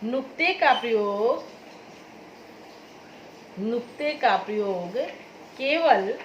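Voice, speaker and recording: A woman teacher explains a grammar lesson slowly and patiently. Her voice is high and lively, rising and falling as she repeats words and asks if it is clear. The room is echoey with faint background ambience. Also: highs cut off, a little hiss or hum. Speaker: school teacher. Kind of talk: classroom Hindi grammar lesson.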